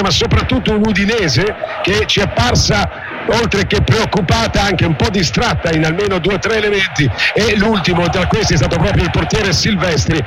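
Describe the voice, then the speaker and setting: A man's voice: high voice, rough recording. An Italian man giving live radio play-by-play of a football match in flowing, formal descriptive phrases. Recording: loud stadium noise behind. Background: loud stadium ambience.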